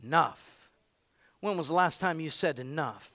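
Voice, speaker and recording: A pastor gives an energetic sermon in a high, bright, ringing voice, swinging from playful jokes to shouted exhortation as he plays to his congregation with punchy delivery. He talks a little fast, and the sound is close and dry with no room sound.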